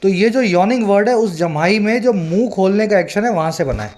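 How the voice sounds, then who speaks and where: Male online English tutor, higher-pitched voice, patient and explanatory, slow deliberate reading of example sentences. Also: animated, a little mellow. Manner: asks the viewer often whether they follow. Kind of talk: vocabulary lesson in Hindi mixed with English.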